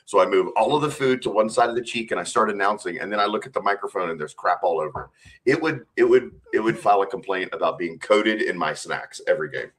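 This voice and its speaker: With a fairly low pitch and a fairly bright tone, the man, a stadium PA announcer and interview guest, responds to questions conversationally, frequently breaking into laughter.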